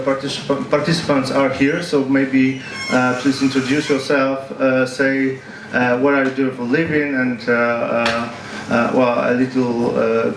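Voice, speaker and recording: A man from Poland moderating a culture panel in English, with many fillers and a halting delivery. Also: mid-range voice. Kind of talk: hesitant spoken English at a panel. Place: event hall with audience. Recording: echoey hall, distant mic, noisy.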